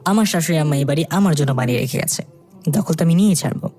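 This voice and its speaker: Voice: medium pitch, expressive, very fast, dark tone, faint music behind, lightly acted. Huffy dramatic young woman, as a narrator puts her on. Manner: huffy, theatrical. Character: dramatic hot-tempered young woman, bickering.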